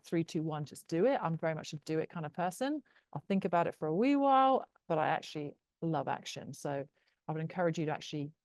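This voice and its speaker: A woman's voice: sits low, darkish tone, dry recording. A middle-aged woman, a technology teacher giving a chatty, encouraging talk to other educators with plenty of fillers. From New Zealand. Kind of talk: recorded presentation to teachers.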